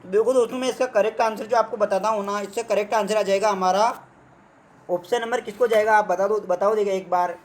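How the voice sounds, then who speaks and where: A man's voice: high-pitched, fairly even intonation, fairly quick. A young man teaching an online exam prep lesson, repeating himself and acting out his students' doubts before answering them. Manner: acts out students' doubts in a mock voice. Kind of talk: online test walkthrough lesson.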